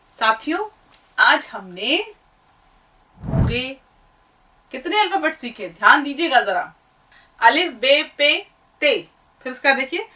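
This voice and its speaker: Woman, middle-aged, Urdu teacher, patient, slow and clear, bright tone, slightly distant mic. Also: a little high. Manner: patient, repeats sounds slowly for drill. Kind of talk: classroom-style language lesson.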